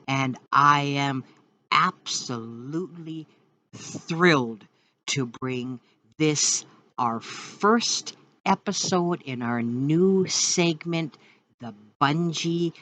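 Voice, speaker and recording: A woman hosting an educational segment on a regional dialect, speaking slowly and with emphatic enthusiasm. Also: low voice, bright, forceful tone, a little hiss or hum, rough recording. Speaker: host.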